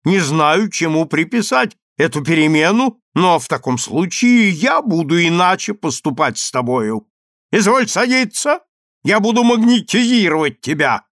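A man's voice: mid-range voice, very animated, normal speed, vocal fry, slightly rough, no echo, clean studio sound, full character voice. A man reading a story aloud and voicing a domineering middle-aged husband who first coaxes his wife and then threatens her angrily. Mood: angry. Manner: coaxing, then loud and threatening.

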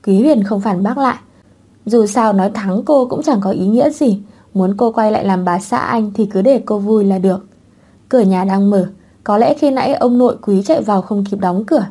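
Một người phụ nữ đọc truyện audiobook bằng giọng đều đều, không vội vàng. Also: female voice, medium pitch, moderate pace, dark tone, slightly rough. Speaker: narrator. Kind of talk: audiobook narration of a web novel.

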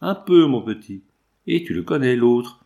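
A man's voice: mid-range voice, lively intonation, measured pace, vocal fry, dark tone. A man reading aloud, putting on the voice of a bold, cheeky red-haired young showgirl who scolds and teases. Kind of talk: audiobook reading.

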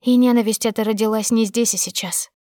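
A woman's voice: a little high, steady tone, brisk, dark tone, no echo, studio quality. Woman narrating a tense audiobook. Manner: tense, emotional storytelling. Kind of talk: first-person dramatic audiobook narration.

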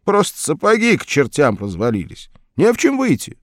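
A meek, down-on-his-luck railway worker, voiced by a man a little higher and louder than his own voice. He whines and protests in a close, dry storybook reading. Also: huge pitch swings, moderate pace, dry recording. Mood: whiny plaintive. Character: poor railway coupler, meek, whiny, tipsy man.

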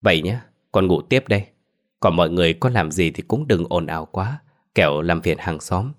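A man's voice: low voice, animated, moderate pace. A half-awake young husband from a spoken ghost story, sleepy and dismissive, mildly annoyed at being woken. He speaks in an everyday tone, close to the storyteller's own as a man acts him out.

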